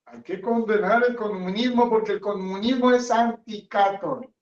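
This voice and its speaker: Friar man preaching, kinda high voice, repeats himself for emphasis, far off mic, dull echoey chapel sound. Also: fairly even intonation, normal speed. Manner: emphatic, repetitive preaching cadence with rhetorical questions. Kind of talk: sermon. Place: chapel of a hermitage.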